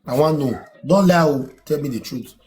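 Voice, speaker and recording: A woman's voice: sits low, lively intonation, normal speed, darkish tone. A woman with a Nigerian accent hosts in Nigerian Pidgin, putting probing, directive questions to a guest.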